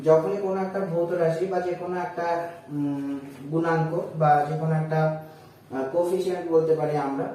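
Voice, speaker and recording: A man's voice: a little high, warm tone. A man teaching physics to students, explaining step by step and asking rhetorical questions before answering them. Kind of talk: board lesson explanation. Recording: echoey room heard from a distance with faint noise.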